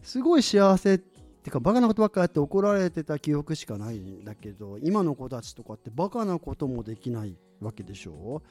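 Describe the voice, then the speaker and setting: A man's voice: a little high, brisk, no room sound, faint music behind. A man hosting a casual, rambling talk on voice training, humming and singing syllables to show how it is done. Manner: rambling, animated, hums and sings syllables to demonstrate. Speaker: voice training host. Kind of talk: casual monologue with vocal demonstrations.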